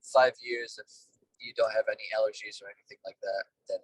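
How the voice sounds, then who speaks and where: Business owner calling in from his car on speakerphone; husky, sounds far off, explains things plainly with pauses. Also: fairly low pitch, level tone, no echo. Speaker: duct cleaning business owner, guest. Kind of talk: casual interview over a call. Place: in his car while driving. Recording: distant car speakerphone call.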